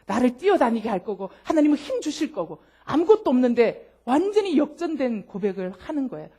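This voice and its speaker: A woman pastor preaching a sermon in an animated way, acting out quoted voices and often laughing. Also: high-pitched, fairly quick, slightly rough.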